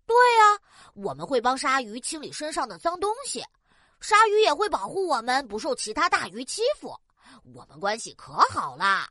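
Little cartoon fish, chirpy n friendly, bouncy high voice, coaxing. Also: female voice, sing-song, moderate pace, bright, forceful tone, dry recording, clean studio sound, full character voice. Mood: cheerful, proud. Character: small cheerful, coaxing pilot fish, the shark's friend. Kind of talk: children's cartoon voice acting.

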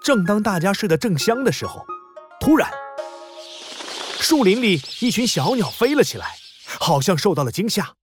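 Expressive man telling a children's story. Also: high voice, moderate pace, long pauses, music in the background. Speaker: narrator.

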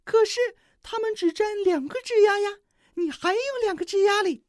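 A storybook reader voicing an excited little female yellow sparrow in a very high, squealing, pleading voice. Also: normal speed, no room sound, studio quality. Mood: amazed, pleading.

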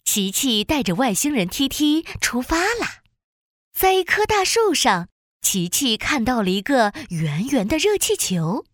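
A woman narrator reading a scripted children's story in an animated storytelling style. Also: high-pitched, unhurried, no room sound, studio quality.

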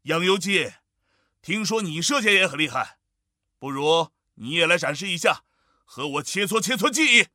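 A man voicing a bold, boastful army general in a children's story, speaking loudly and with authority. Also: on the high side, expressive, moderate pace, no room sound, clean studio sound. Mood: challenging. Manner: loud, proud, commanding.

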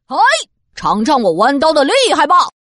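Woman voicing a strong goat, heroic, loud, bold, high, dry sound. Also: sing-song, a little fast, no room sound. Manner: loud, bold, fighting shouts. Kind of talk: storybook reading.

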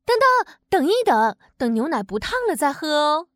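A woman plays a careful, loving storybook mother with a very high voice. She sounds close and dry, with a gentle warning lilt. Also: very animated, moderate pace, no room sound. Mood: caring. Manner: gentle and warning, bright and lilting. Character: caring, cautious mother in a storybook.

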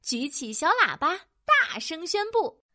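Animated woman narrating a children's story. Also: very high-pitched, unhurried, no echo, studio quality. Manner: animated, playful, sound-effect words.

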